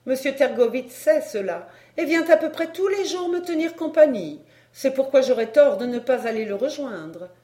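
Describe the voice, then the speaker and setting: A woman's voice: sits high, lively intonation, normal speed, few pauses, dark tone, pitched above the performer's own voice. Brief: cool, haughty foreign countess, lifted and airy, roomy audiobook sound, voiced by the woman narrator. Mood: poised. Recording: roomy echo.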